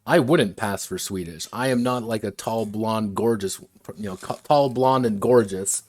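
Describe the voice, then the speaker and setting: A man's voice: fairly low pitch, moderate pace, dry recording. A man who designs games, chatting casually on a livestream at his desk, wandering between asides and restarting his sentences. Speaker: game designer streaming a workshop.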